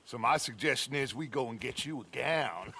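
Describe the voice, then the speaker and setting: Grandiose outlaw leader, bright and animated. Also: male voice, mid-range voice, moderate pace, a little hiss or hum. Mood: rousing. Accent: American. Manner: theatrical, oratorical, commanding. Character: charismatic, grandiose male outlaw gang leader. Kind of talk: dramatic video game acting.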